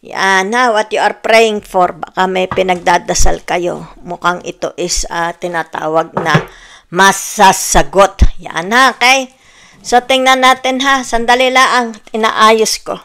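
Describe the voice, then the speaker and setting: A woman's voice: medium pitch, fairly even intonation, a little slow, background noise. A woman with a Filipino accent giving a casual tarot reading, chatty and full of "di ba?" tags, mixing Tagalog and English. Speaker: tarot reader.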